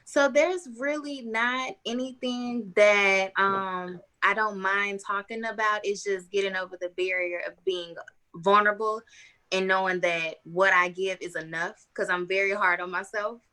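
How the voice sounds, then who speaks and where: A woman's voice: medium pitch, fairly even intonation, unhurried, sharp tone, low-quality recording. A woman poet speaking candidly and reflectively on a panel, earnest and self-examining.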